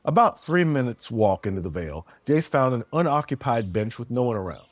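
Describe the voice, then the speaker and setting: A man narrating a fantasy story in a steady, descriptive way. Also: mid-range voice, a little fast, no echo.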